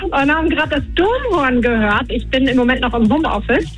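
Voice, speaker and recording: Excited woman calling in on speakerphone. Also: sits high, a little fast, faint music behind, low-quality recording. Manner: excited, talks with hesitations. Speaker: radio caller. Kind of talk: casual phone call.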